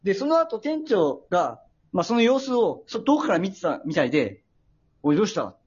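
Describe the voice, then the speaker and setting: A young male host tells a story in a polite, halting way, often stopping to gather his words. His voice is husky and moves freely up and down in pitch. The recording is dull and lo-fi. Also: wildly swooping pitch. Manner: hesitant and polite, full of pauses and filler. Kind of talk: casual radio talk, storytelling.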